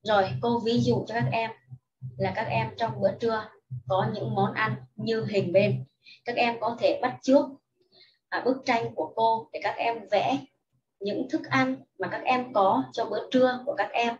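A woman teaching young children English in a slow, patient lesson, reading each sentence and explaining it in Vietnamese. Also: fairly high pitch, steady tone, recorded from a distance, lo-fi sound. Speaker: primary school English teacher.

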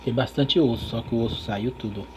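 A man's voice: mid-range voice, fairly quick. A man chatting casually to his viewers while chewing food, in an eating vlog. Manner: chatty, addresses viewers directly. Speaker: mukbang vlogger. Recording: dull lo-fi recording with faint noise.

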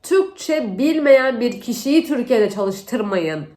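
A woman's voice: fairly high pitch, slow. A young woman with the flu, telling a story in a casual makeup vlog, exasperated and acting out the dialogue. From Turkey. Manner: animated, exasperated retelling with acted-out dialogue. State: has the flu. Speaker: beauty vlogger.

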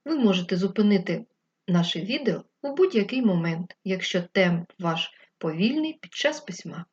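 A woman teacher giving a remote lesson to first graders, talking slowly and clearly to the children. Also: mid-range voice, animated, muffled recording. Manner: slow, clear dictation addressed to children. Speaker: primary school teacher.

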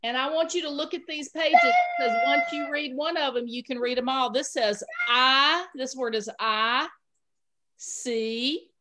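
A woman's voice: high voice, animated, unhurried, background noise. A woman teaching an online pre-K class, giving patient, encouraging prompts over a video call.

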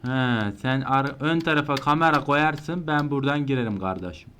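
Excitable man yelling over a game. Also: medium pitch, moderate pace, a little hiss or hum. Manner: excitable, yells and chants in panic when chased. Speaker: gameplay streamer. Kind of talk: live horror game commentary.

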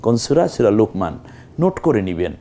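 A man teaching Quran recitation step by step, patiently repeating words and breaking into drawn-out melodic chanting of the verses. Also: on the low side, sing-song, dark tone. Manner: drawn-out melodic chanting of Arabic verses between plain explanations. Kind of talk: slow step-by-step recitation lesson.

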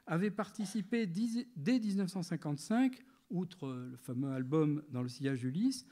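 Lecturing at a literary gathering, a man in his sixties reads from prepared text in a high, a little mellow voice. The delivery is measured and literary, broken now and then by hesitant pauses over phrases.

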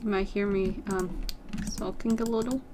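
A woman giving casual gameplay commentary, chatty, her voice jumping high when she gets excited. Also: normal speed, noisy background. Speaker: gameplay streamer.

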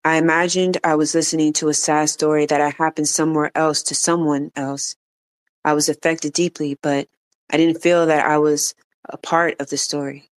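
Audiobook narrator; flat, smooth, measured delivery. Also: mid-range voice. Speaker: audiobook reader. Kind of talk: reading an autobiography aloud.

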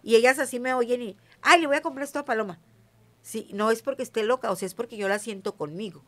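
Fast and on the high side, this middle-aged Mexican woman talks chattily and forcefully in a laid-back interview. A self-described witch, she often tosses in "¿sí me entiendes?"

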